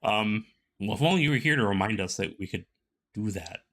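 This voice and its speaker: A man hosts a relaxed, informal interview, thinking aloud in halting phrases. His voice sits fairly low but has a bright, forward edge. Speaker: interviewer, host. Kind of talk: casual conversational interview.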